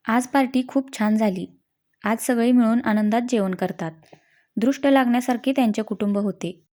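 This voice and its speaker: A woman narrating a family story in a steady, simple storytelling manner. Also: fairly high pitch.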